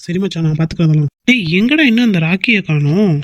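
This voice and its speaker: A man's voice: high-pitched, lively intonation, rapid-fire, dry recording, highs cut off. A man voicing a young male friend in a cartoon skit, ribbing and bluntly scolding his buddy.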